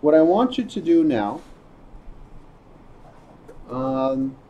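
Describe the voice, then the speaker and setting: A man's voice: fairly high pitch, very animated, very slow, dull audio. A man teaching a class, drilling words and patiently correcting and praising students. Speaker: Arabic teacher.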